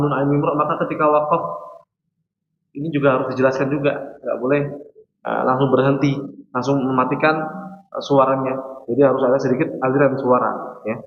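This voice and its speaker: A man's voice: mid-range voice, a little hiss or hum. Indonesian man teaching recitation in echoey mosque. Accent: Indonesian, Javanese. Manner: explains patiently, demonstrates sounds, quizzes students. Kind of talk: religious class lecture. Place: mosque hall. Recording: echoey, dull mosque hall recording.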